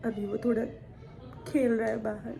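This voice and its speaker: A young woman talks to her vlog audience in a soft, subdued and thoughtful manner. Her voice sits a little high for a woman. Her delivery is low-key and personal. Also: flat delivery, moderate pace, vocal fry. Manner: subdued, soft-spoken and reflective. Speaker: vlogger. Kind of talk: personal vlog talk to camera.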